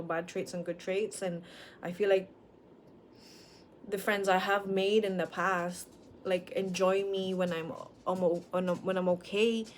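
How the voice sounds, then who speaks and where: A woman's voice: fairly low pitch, slight background noise. A woman in her late twenties talking frankly at home, rambling and questioning herself in a personal vlog. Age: late 20s. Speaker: vlogger. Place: at home with dogs.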